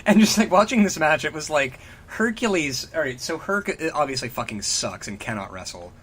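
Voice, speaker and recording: Exasperated male co-host, bright tense voice with a lively swing, faint noise behind; swears a lot. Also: a little high. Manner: exasperated, profane, rapid asides. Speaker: podcast co-host. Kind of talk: casual banter.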